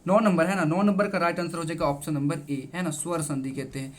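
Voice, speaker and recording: A man's voice: a little high, fairly even intonation, quick pace. A male teacher explaining exam answers. He repeats each answer and keeps addressing his students, in an emphatic, reassuring way.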